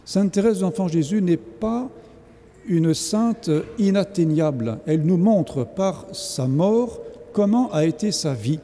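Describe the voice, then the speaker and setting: A man's voice: sits high, expressive, a little slow, warm tone, a little hiss or hum. A man preaching a sermon as a priest, speaking in an earnest, exhorting way. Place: large church. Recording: long church reverb.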